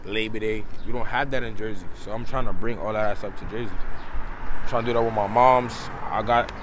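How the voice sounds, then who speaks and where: A man's voice: lowish voice, steady tone, a little fast. Slangy young man from Brooklyn, street noise. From Brooklyn, New York. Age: 20s. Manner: loose, slangy, rambling storyteller. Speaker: DJ and party promoter, interview guest. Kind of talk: casual street interview.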